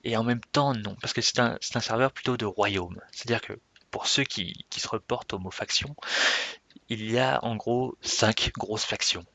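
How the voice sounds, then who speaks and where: A man's voice: lowish voice, normal speed, gravelly, bright, forceful tone, dry recording. A man giving an unscripted, rambling introduction to himself and his gaming server, often correcting himself and laughing at himself. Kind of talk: unscripted casual vlog talk.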